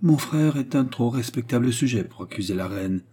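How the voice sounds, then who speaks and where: A young nun answers in stiff, restrained, formal words, with sorrow under them, as a man reads her in an audiobook. The voice is dark and mellow, slightly husky. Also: medium pitch, expressive, normal speed. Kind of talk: audiobook character reading.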